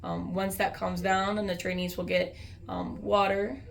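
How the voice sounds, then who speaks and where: A woman's voice: medium pitch, flat delivery, measured pace, creaky. An American woman, a soldier, explaining training procedures in an informal interview.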